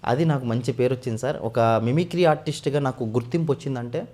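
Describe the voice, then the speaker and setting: A man from West Godavari in India, a mimicry artist, telling his story in a casual interview and often addressing the interviewer as sir. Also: medium pitch. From West Godavari, Andhra Pradesh. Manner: fast, animated storytelling with frequent sir.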